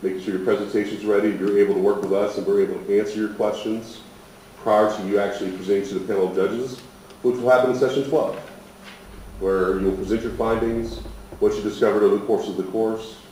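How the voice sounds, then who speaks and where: In an echoey indoor presentation room, an American man delivers a casual talk at the start of a programme, speaking a bit fast in a fairly low, steady, dark-toned voice. As the instructor, he's plain-spoken and pokes fun at himself, while the distant mic captures faint background noise.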